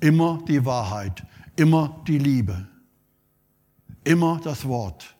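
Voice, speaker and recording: Slow preaching man in a reverberant hall. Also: fairly high pitch, animated, dark tone. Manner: slow, emphatic preaching with repeated phrases. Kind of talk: sermon.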